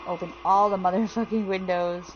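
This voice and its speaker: A woman giving casual, jittery commentary while playing a horror game, swearing freely and reading things out loud. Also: medium pitch, fairly even intonation, a little fast, muffled recording, a little hiss or hum. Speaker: let's play gamer.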